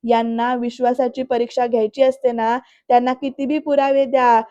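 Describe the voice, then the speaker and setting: Woman reading as a calm, firm father. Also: a little high, no echo, highs cut off, lightly acted. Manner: slow, measured and firm.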